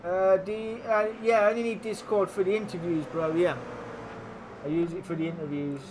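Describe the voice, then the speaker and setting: A man giving live motorsport race commentary in an informal, matey, excitable play-by-play, mixed with casual stream chat. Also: high voice, normal speed, background noise. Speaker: sim racing commentator and streamer.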